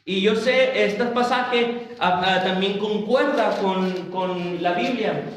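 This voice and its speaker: A man preaching a Bible study sermon as pastor, slow and halting, often restarting and turning to address his congregation. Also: sits high, a little hiss or hum. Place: church. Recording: roomy church hall, mic at a distance.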